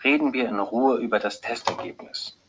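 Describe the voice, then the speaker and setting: A man's voice: mid-range voice, moderate pace, background noise, close to an everyday voice. A man voicing a serious female lab doctor. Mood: calm. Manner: calm, earnest, hesitant when giving bad news. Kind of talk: audiobook character voice.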